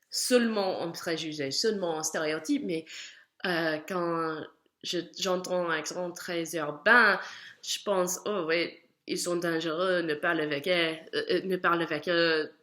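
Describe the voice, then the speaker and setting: A young woman with an American accent, an English speaker, gives a spoken class reflection in French, halting and searching for words with many fillers. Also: lowish voice, fairly bright tone. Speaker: student.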